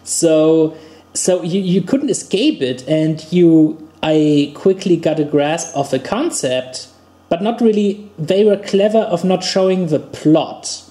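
A man's voice: on the high side, slow pace, mellow. A young man from Germany chatting casually and enthusiastically in a film podcast, rambling with many restarts and fillers. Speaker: podcast co-host. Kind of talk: casual chat.

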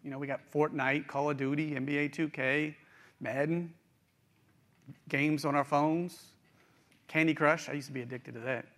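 Preaching in a down-home, conversational way, a middle-aged man from West Virginia speaks right to his audience in his native accent. His voice is on the high side and fairly bright, steady in tone, at a moderate pace with frequent pauses.

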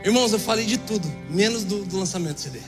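Brazilian guy preaching, high voice, acts out all the dialogue, reverby hall. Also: racing. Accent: Brazilian Portuguese. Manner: lively storyteller who acts out dialogue. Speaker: preacher giving testimony. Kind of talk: storytelling sermon. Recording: echoey hall with faint music.

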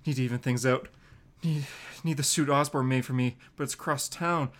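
A man's voice: mid-range voice, steady tone, fairly quick, a bit bright, natural voice. A man playing a young wisecracking superhero under pressure in a comic-book reading, with clipped, urgent delivery and sarcastic quips. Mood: desperate, planning.

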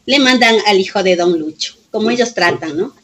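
A woman's voice: mid-range voice, animated, brisk, fairly bright tone, low-quality recording. Mother telling an emotional story. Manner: emotional storytelling, reenacting dialogue, repeating phrases. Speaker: grieving mother of a police officer. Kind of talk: personal testimony in an interview.

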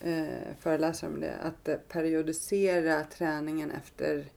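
A woman hosting a podcast, talking in a relaxed, thoughtful way and speaking openly about her own struggles. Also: low voice, gravelly. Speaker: podcast host. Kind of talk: casual podcast conversation.

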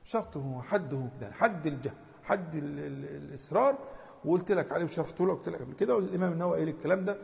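An Egyptian man teaches a religious lesson in a big hall, and his voice rings with long reverb. His pitch sits a little high and jumps around a lot, with a gravelly edge. He speaks with emphasis and often stumbles into restarts. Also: racing. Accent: Egyptian Arabic. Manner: lively and emphatic, with many stammered restarts.

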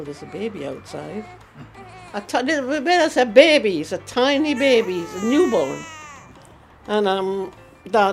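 A woman in her eighties from Guyana, chatting in an interview about her life, with easy laughs and halting restarts. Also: medium pitch, creaky. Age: 80s. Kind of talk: casual reminiscing interview.

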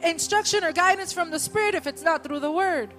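A woman's voice: extremely high pitch, normal speed, fairly bright tone, faint music behind. A woman interpreting a sermon live, restating each phrase right after the preacher with occasional repeated words.

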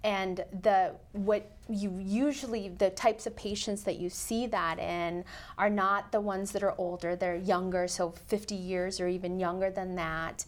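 A woman's voice: mid-range voice, steady tone, unhurried. A woman cardiac surgeon on a call-in medical show, explaining procedures in plain terms and laughing easily.

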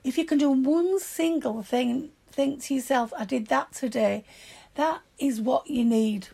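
A woman's voice: high-pitched, a little slow, gravelly, dark tone, slightly rough. An older woman, a grandmother with a broad old Yorkshire accent, chatting casually as an interview guest in a plain-spoken, emphatic way. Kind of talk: casual chat.

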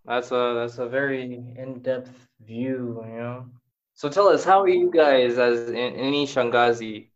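A man hosting a podcast interview, asking questions in a relaxed way that trails off softly. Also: mid-range voice, unhurried. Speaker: podcast host. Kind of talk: casual interview. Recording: dull lo-fi audio.

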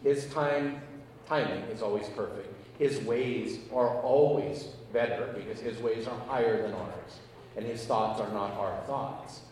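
A pastor preaches a sermon in a large church, earnestly telling a story and acting out the dialogue with emphatic rises. His mid-range voice is slightly mellow and moves at a measured pace, with a little hiss or hum. He speaks into a handheld mic, but it sounds distant in the echoey church hall.

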